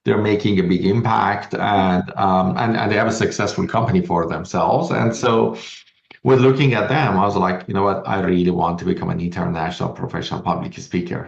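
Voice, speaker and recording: A middle-aged man from Iran, a guest entrepreneur telling his story in an interview in earnest, fast bursts with restarts. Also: sits low, vocal fry. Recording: echoey, dull lo-fi sound.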